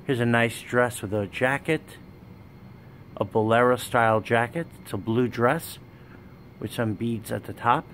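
A man walks a warehouse with his phone, pitching his stock in a plain, steady way and naming items one after another. His voice sits at an ordinary middle pitch. A faint background hum runs under the recording. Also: measured pace. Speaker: wholesale business owner. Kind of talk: walkthrough sales pitch. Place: indoor warehouse with dress racks. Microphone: handheld phone camera, speaker off screen.

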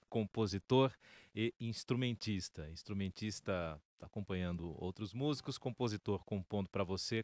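A man's voice: lowish voice, no echo. A man interviewing a musician on the radio, asking long winding questions that he keeps tagging for agreement. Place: radio studio.

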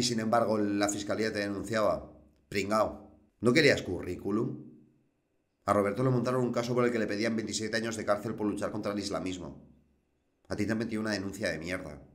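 A man, hosting a show and rebutting a rival in a combative, scolding, mocking tone. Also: on the low side. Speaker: host. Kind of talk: reaction rebuttal.

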